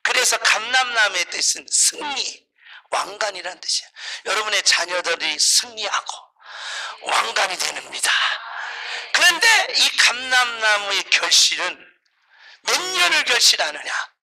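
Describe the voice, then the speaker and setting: A man preaching a sermon as pastor, fervent and animated, breaking into shouted exclamations while telling stories. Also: high-pitched, unhurried, gravelly, poor audio.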